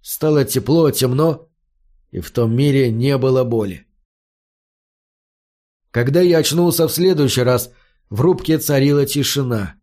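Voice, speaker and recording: A man reading an audiobook aloud as a steady first-person narrator. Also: mid-range voice, a little slow, pauses often.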